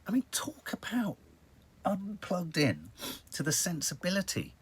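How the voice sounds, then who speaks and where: A British man talks through the news with viewers on a casual live stream, wry and rambling with dramatic emphasis. His voice sits high and slightly rough, with huge pitch swings at a measured pace.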